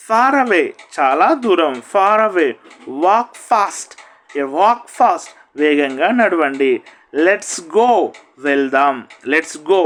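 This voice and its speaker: A man teaching spoken English, drilling short phrases at a very slow, deliberate pace. His voice is a little higher than most men's and swings widely in pitch, rising on each English phrase and falling on its meaning. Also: a bit bright, poor audio. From India. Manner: says each English phrase then its meaning, repeats it slowly.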